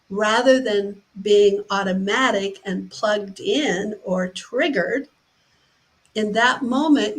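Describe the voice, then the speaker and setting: A woman's voice: mid-range voice, poor audio. A woman giving a personal development talk, explaining ideas through vivid second-person stories. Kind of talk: teaching talk with storytelling examples.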